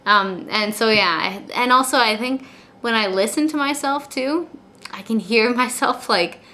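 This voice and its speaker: A woman chatting casually and confessionally in a video blog, rambling and repeating words, with soft R sounds that lean toward W. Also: fairly high pitch, a little slow. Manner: rambling, repeats words and phrases before finishing. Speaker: video blogger. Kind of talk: casual confessional chat to camera. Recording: clear background noise.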